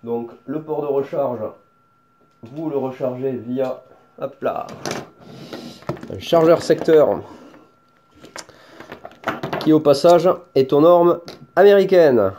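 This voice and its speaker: Mellow-voiced man with a Toulouse accent. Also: a little high, slow, long pauses, slight background noise. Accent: Toulouse French. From France. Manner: hesitant, many fillers and restarts. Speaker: hobbyist showing his lightsaber. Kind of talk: casual show-and-tell.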